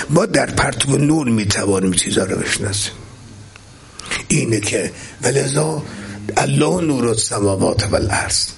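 Male preacher, impassioned storytelling sermon, gravelly with a lot of pitch movement. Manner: impassioned, rising to emphatic high peaks.

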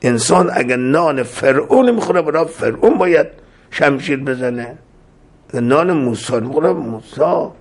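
A man's voice: on the high side, animated, slightly rough. A male preacher telling a dramatic story in a sermon, quoting Arabic scripture.

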